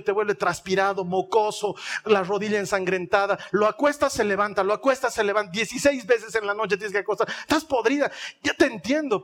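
A male pastor, preaching a sermon in an animated, humorous way, acting out little scenes. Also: high-pitched.

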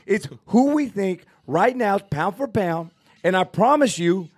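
This podcast co-host has a Texas accent and a high-pitched, expressive, slightly rough voice, delivered at a measured pace. He rants and repeats himself as he argues hard in a casual boxing talk show debate.

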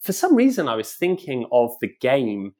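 A man's voice: medium pitch, huge pitch swings, normal speed, warm tone. A man, a children's author who chats in a podcast interview, laughs often, and reads his book aloud with drama.

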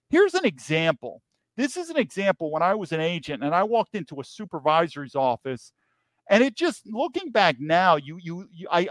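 A man's voice: a little high, no room sound. A man who was once a federal agent, talking in an interview with emphatic storytelling and frequent repeated words. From New York. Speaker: guest, former FBI agent. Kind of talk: interview conversation.

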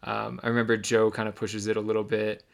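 A man's voice: fairly low pitch, quick pace, vocal fry. A young man co-hosting a podcast, casually recounting a race he ran, with lots of ums and restarts. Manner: relaxed storytelling with many ums and restarts. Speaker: podcast co-host, runner.

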